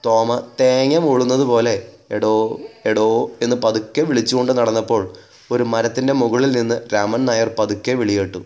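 A man reading a story aloud in a measured, wry narrating manner. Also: medium pitch, fairly even intonation, a little mellow.

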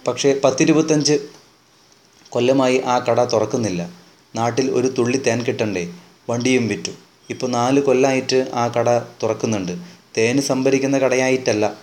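A man voicing an educated middle-aged farmer and journalist addressing a village meeting, calm and reasoned, in an audiobook reading. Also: medium pitch, close to an everyday voice. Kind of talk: audiobook narration.

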